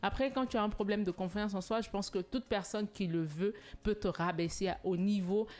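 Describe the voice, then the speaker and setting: A woman co-hosting a studio talk show, speaking in an earnest, motivational way and growing animated when telling anecdotes. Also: mid-range voice, normal speed. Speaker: TV show co-host.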